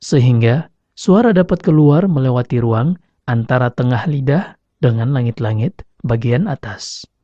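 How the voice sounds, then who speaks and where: Man, instructional narration, slow and careful, lively pitch, warm tone, dry dull lo-fi recording. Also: no room sound. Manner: slow, deliberate, demonstrates each sound. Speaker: Quran recitation teacher.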